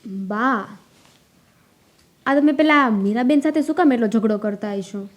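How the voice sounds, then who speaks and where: A young woman acting a calm relative who gently reasons with her grandmother to avoid a quarrel, in a family drama. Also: on the high side, measured pace, natural voice. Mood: gentle. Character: calm daughter-in-law pleading with her grandmother.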